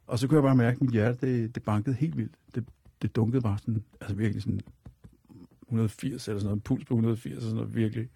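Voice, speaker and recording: A man with a gravelly, husky voice recounts his own story, rambling and circling back with fillers. His tone is dark and mellow, and the recording is close and dry. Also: medium pitch, steady tone, dry recording. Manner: rambling and repetitive, leaning on fillers. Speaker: guest telling his life story. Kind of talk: personal storytelling on radio.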